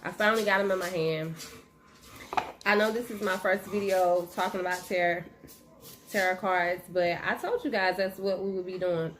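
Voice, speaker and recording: A woman hosting her own channel, chatting casually with viewers while chewing gum, with a relaxed, friendly manner. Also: fairly low pitch, moderate pace. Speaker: channel host. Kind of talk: casual vlog chat. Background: faint noise of her dog moving around.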